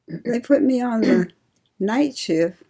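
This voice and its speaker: An older woman from Ohio, a retired nurse, reminiscing slowly and laughing often in an oral history interview. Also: a little high, lively intonation, mellow. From Cincinnati, Ohio.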